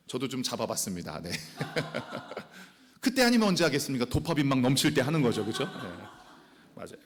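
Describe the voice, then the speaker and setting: Animated male pastor in a reverberant church. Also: mid-range voice, a little slow. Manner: animated, swings from loud exclamations to hushed whispers; asks the congregation questions and mimics quoted people. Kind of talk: sermon. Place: church sanctuary.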